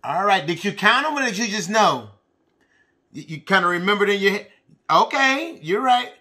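A man with a very high-pitched, forceful bright voice gives a lesson for preschoolers. He talks to the little ones in simple, repeated phrases and questions, animated and full of encouragement. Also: normal speed. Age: middle-aged. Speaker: preschool and kindergarten teacher. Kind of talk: children's lesson addressed to young pupils. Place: small indoor room with bookshelves.

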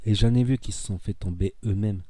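A man with a southern French accent from Narbonne speaks in a very dark, deep-toned voice, rambling earnestly through a casual monologue as a content creator. He repeats phrases for emphasis and gets heated. The sound is dry and close, with no room echo. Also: a little fast. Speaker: social media content creator.

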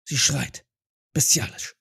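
A man narrating as game master in a slow, atmospheric way. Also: sharp tone, no room sound, studio quality. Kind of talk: narrating an audio role-play.

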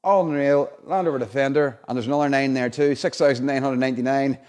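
A man of about forty hosts a live draw in an informal, chatty way. His voice sits at a medium pitch, heard a few feet from a phone camera indoors. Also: fairly even intonation, quick pace, darkish tone. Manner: chatty, colloquial. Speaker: competition draw host. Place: indoor showroom unit with a car and screen.

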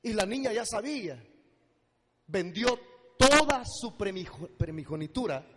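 A high, bright male preacher with a husky edge, telling stories in a low, quiet voice and then shouting his appeals. His voice carries a long hall reverb from the church. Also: animated, a little slow. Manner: fervent, swings from quiet storytelling to shouted exhortation. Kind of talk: sermon.

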